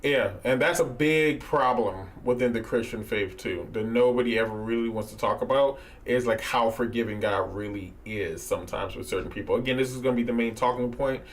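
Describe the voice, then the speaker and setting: A man's voice: medium pitch, a little fast, hardly any pauses. Slangy man joking between clips. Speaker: streamer reacting to a video. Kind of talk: casual chat.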